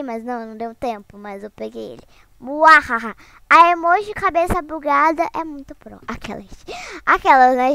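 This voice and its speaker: A woman's voice: high-pitched, fairly bright tone, dry recording. A young woman casually commenting on her Roblox gameplay as a channel host, chatty and giggly, often turning to her viewers and squealing when startled. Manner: chatty, giggly, lots of "né, gente?" asides.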